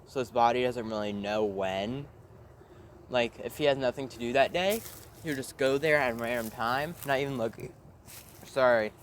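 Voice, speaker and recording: A man's voice: mid-range voice, a little hiss or hum. A man casually narrating a made-up fan story, rambling, with fillers and the odd swear word.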